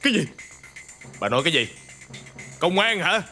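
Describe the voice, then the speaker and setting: A gruff, rough kidnapper in a TV drama. His voice sits a little high. Music plays clearly beneath him. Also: big pitch swings, normal speed, bright, forceful tone, full character voice. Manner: gruff, rude. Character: rough male kidnapper gang member. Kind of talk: TV drama acting.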